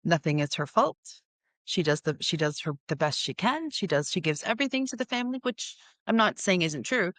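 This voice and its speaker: Low-voiced reflective woman guest. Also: expressive, a bit bright, no room sound. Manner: reflective and halting, with restarts. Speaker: guest therapist. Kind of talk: casual chat.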